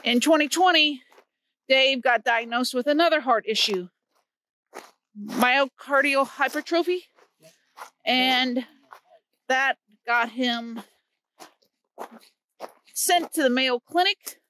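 Walking through wintry woods by a creek, a Missouri woman in her fifties chats earnestly to the phone camera she holds at arm's length for her casual vlog. Her high voice sounds pushed and bright, slow and full of pauses. The recording is dry and low in quality.

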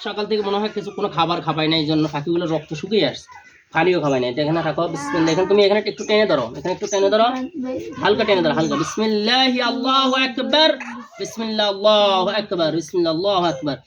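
A man filming a vlog outdoors among family, giving brisk directions and repeating religious phrases. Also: high voice, dull audio, crowd noise. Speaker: vlogger. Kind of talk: casual vlog, instructing helpers.

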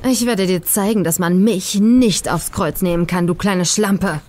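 A woman's voice: on the low side, measured pace, a little mellow, slight background noise, lightly acted. A woman voicing a sweaty, heavyset male college lecturer who snarls threats. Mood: threatening.

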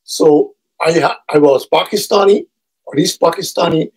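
Seated at his desk in a bookshelf-lined home study, a Bangladeshi historian vlogger in his seventies gives a personal introduction lecture to a webcam in a medium shot. His husky voice is rather high for a man, and Urdu is his first language. He speaks in a measured, meandering way, often pausing with "uh", and the audio quality is poor.

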